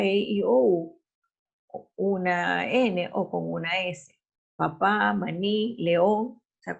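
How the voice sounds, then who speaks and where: A woman teacher delivers an online class lecture, explaining step by step and frequently repeating and correcting herself. Her voice is medium-pitched and creaky with a breathy edge, and the recording sounds dull and lo-fi.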